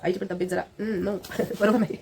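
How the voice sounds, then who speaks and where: A woman's voice: medium pitch, fairly even intonation, brisk, creaky, a little mellow. A woman with a Konkan Marathi accent, chatting casually through a home vlog and showing things to the camera. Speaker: vlogger. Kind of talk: casual daily vlog narration. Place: family home, indoors.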